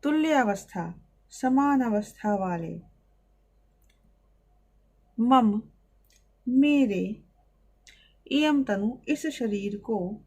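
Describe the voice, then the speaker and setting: A woman's voice: fairly high pitch, a little mellow, breathy edge. Woman teacher explaining a text. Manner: reads Sanskrit lines, then explains each in Hindi. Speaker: Sanskrit teacher.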